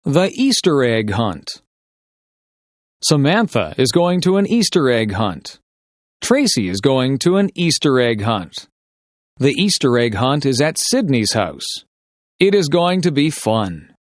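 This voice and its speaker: A man reading short, simple sentences as dictation for English learners, enunciating each one carefully and deliberately. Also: medium pitch, big pitch swings, no room sound, clean studio sound.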